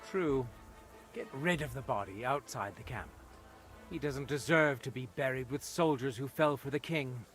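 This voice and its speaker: An actor playing a haughty lord judging a murder case in a video game, imperious and contemptuous. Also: male voice, mid-range voice, normal speed, a bit bright, faint music behind, natural voice. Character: haughty noble judge, lord presiding over trial.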